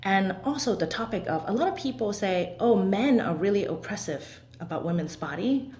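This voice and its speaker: Lively woman from Hong Kong, roomy echo. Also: mid-range voice, normal speed. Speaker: guest, singer and composer. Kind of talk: interview conversation.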